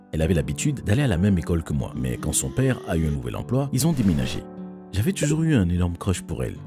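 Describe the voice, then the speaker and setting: A man reading a first-person animated story in a scripted way. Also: deep voice.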